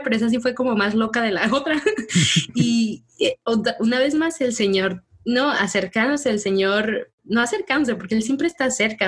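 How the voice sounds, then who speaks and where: A woman telling her personal faith testimony in casual conversation, animated and quick to laugh as she acts out what people said. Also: medium pitch. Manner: animated storytelling, laughs often, acts out dialogue.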